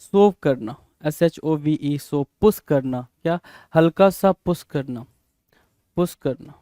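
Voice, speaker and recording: A man with a fairly high, mellow voice takes his time teaching exam vocabulary in English. He spells each word letter by letter and keeps prompting students with a rhetorical "bhai?" It's studio quality with no echo.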